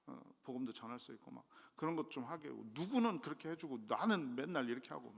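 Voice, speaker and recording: A middle-aged male guest pastor preaching a sermon in a conversational, self-deprecating way, with sudden loud rises. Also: medium pitch, expressive, quick pace, vocal fry, breathy edge. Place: church sanctuary. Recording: long church hall reverb.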